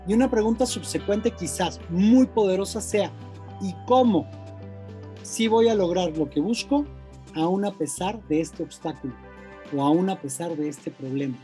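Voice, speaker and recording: A Mexican man giving a lively, colloquial motivational talk, acting out voices of the mind and a friend. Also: sits high, a little slow, soft background music. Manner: animated, colloquial, acts out inner voices. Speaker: speaker.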